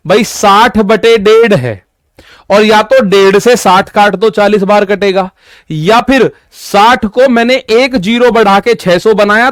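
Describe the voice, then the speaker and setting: Working through an exam problem one step at a time, this maths teacher repeats every key point for his students in an online exam-prep session. The close, dry recording captures his high, smooth voice with no trace of the room.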